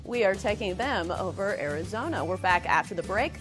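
A woman's voice: mid-range voice, lively intonation, fairly quick, faint music behind. A woman hosting a sports betting talk show on the radio. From lived in Florida.

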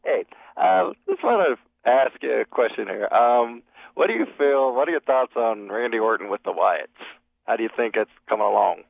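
A man from Ohio calling in to a radio show over a phone line, talking casually and a little haltingly with fillers. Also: medium pitch, expressive, gravelly, no room sound.

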